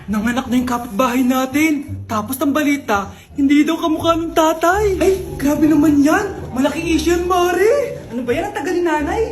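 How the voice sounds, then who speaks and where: A woman's voice: high voice, normal speed. A woman acting out a string of comedy skits, switching between teasing and squealing characters. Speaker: comedy skit creator playing all parts. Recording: echoey room with loud music.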